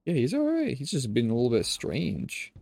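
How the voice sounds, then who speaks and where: There's no room sound on this young gaming streamer's headset audio, recorded indoors in a room at home. His nasal voice is gravelly and husky at a mid-range pitch and moderate pace. He chats about his gameplay in a relaxed, casual way, addressing viewers as "boys."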